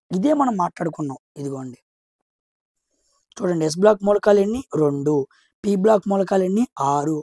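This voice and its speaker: A woman teaching chemistry. She asks her own questions, answers them herself, counts aloud and slowly repeats key terms. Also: medium pitch, warm tone, no echo, studio quality. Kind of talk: explaining chemistry, drawing on a board.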